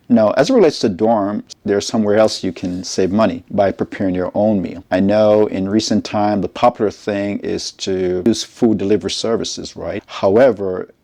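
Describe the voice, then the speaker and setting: A middle-aged man from Jamaica, a college educator giving a measured, explanatory advice talk and often checking in with his listeners. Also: deep voice, mellow. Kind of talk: informational advice talk to camera.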